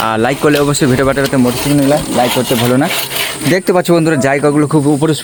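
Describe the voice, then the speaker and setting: A man's voice: mid-range voice, steady tone, rapid-fire. A man hosting a casual walk-through vlog outdoors, explaining things eagerly and repetitively to his viewers. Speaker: village vlogger, host. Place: outdoors at an embankment gate under repair. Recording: noisy outdoor recording with hiss.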